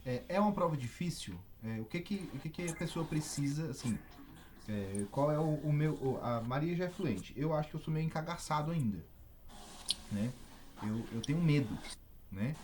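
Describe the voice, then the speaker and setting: A man, an interviewer asking questions in a halting, stumbling way. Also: a little high, lively intonation, a little mellow, slight background noise.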